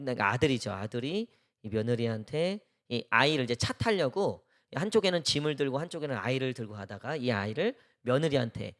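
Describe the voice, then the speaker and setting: Korean church pastor guy preaching, chatty, voice jumps up and down a lot. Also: mid-range voice. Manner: conversational preaching, asks the congregation questions. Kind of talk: sermon.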